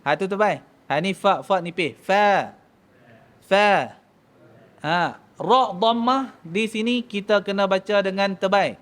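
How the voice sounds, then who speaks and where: A man speaking teaches Quran recitation to a mosque class in a fairly high voice. He repeats each letter sound and then sets the wrong version against the right one. His delivery is that of a patient drill. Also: takes it slowly, fairly bright tone. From Malaysia. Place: mosque hall.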